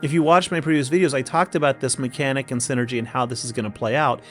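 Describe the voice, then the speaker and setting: A man's voice: mid-range voice, steady tone, quick pace. A man with an Oklahoma accent giving casual strategy commentary as host of a gaming video, talking to himself in a folksy way. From Oklahoma, United States. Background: music.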